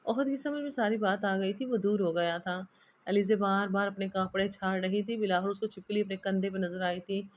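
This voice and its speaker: A woman's voice: medium pitch, fairly even intonation, normal speed, lo-fi sound. Woman narrating a romance novel. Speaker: novel reader. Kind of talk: storybook narration.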